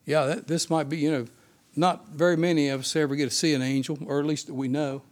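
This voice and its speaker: Male Bible study teacher, fairly high voice, unscripted sermon delivery with rhetorical questions. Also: level tone, quick pace.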